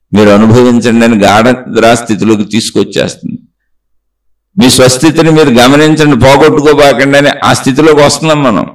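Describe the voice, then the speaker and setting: A male spiritual teacher speaks in a mid-range voice, neither high nor low. He builds his discourse from long rhythmic chains of repeated phrases. He keeps turning to the listener with rhetorical questions. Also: rough recording.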